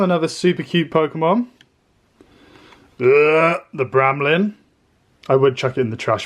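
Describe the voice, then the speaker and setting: A man hosting a review in an eloquent yet casual, expressive way, like a narrated vlog with some slang. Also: mid-range voice. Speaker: trading card reviewer and host. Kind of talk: scripted review narration with casual pack-opening commentary.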